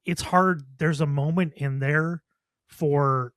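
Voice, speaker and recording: A man's voice: on the high side, fairly even intonation, slow, a bit bright, no echo. A man co-hosting a podcast who discusses films in a confident, opinionated way. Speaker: podcast co-host. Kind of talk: casual film discussion.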